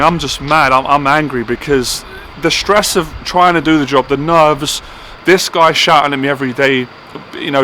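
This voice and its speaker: A man tells a story from his own life in a loose, chatty monologue, often tossing in "right?". His voice sits a little high and sounds bright and forward. A faint hum of traffic comes from outdoors. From Ireland. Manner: chatty, keeps asking "right?". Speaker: vlogger sharing a personal story.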